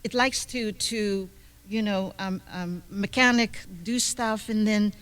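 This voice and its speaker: A woman from the Netherlands, a Dutch native with a Dutch accent, speaking as a psychic guest in halting, broken English full of fillers in a radio studio. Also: medium pitch, fairly bright tone. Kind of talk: live radio studio chat.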